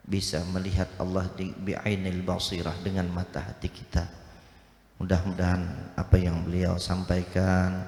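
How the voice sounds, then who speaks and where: A man hosting a religious gathering, giving steady, formal closing remarks after a sermon, heard in an echoey hall with long reverb. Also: deep voice. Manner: steady, formal, pious phrasing. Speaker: event host.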